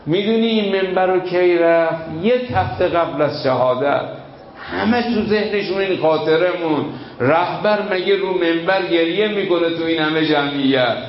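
A fairly high-voiced man preaches with feeling, slowing down for weight and then surging up as the story builds. The sound is echoey and a bit dull, as if from a hall with a lo-fi recording and faint hiss behind him. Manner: emotional storytelling with dramatic pauses and sudden rises. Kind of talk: sermon.

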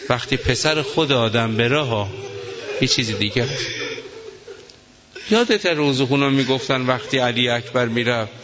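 A man's voice: medium pitch, long pauses. A man preaching a sermon, telling an emotional story and voicing the people in it. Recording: echoey hall, dull lo-fi sound.

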